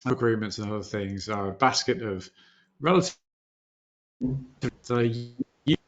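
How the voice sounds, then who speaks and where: A man's voice: medium pitch, slow pace, muffled recording. A man presenting a live online finance lesson in a methodical, step-by-step way, his audio breaking up over a bad connection.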